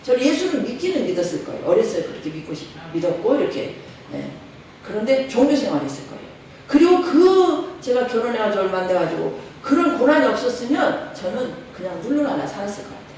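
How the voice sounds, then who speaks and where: A middle-aged woman pastor preaching a sermon in a church, lively, laughing often and leading call-and-response. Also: a little high, quick pace, slight background noise. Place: church sanctuary. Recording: echoey church hall from far off.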